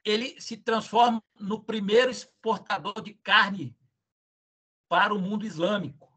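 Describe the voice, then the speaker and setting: Male lecturer, high bright husky voice, audio choppy with buffering stutter from a weak video-call connection. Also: steady tone. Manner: halting, with frequent fillers. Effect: buffering stutter, audio breaking up on a weak connection. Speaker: guest speaker. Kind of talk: academic lecture.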